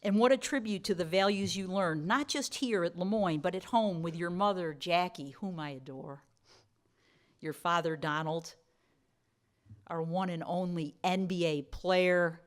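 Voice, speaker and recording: A woman's voice: fairly low pitch, normal speed. A woman delivering a formal awards-dinner speech as the college's host, with playful asides to the audience. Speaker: college president giving dinner remarks.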